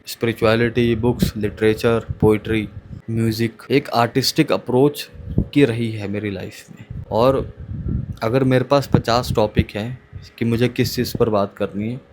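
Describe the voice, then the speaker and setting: A man in his thirties speaks in a calm, musing monologue and hosts his own channel. His voice sits at an ordinary middle pitch, and he mixes English phrases into a relaxed conversational flow. A faint hiss of background noise lies under the recording. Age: 30s. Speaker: channel host. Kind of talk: reflective monologue.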